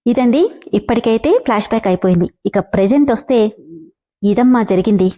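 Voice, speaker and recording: A woman reading a serialized family story aloud, narrating in a steady, calm way. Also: fairly high pitch, quick pace.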